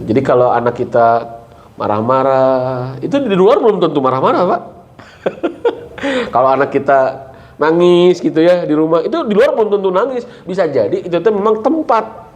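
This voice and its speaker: A middle-aged man with a Sundanese accent giving a lively Islamic parenting talk, jumping up in pitch for emphasis and often checking with his listeners. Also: moderate pace. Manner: animated, leaps high in pitch for emphasis, asks the audience questions. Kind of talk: lively religious study talk.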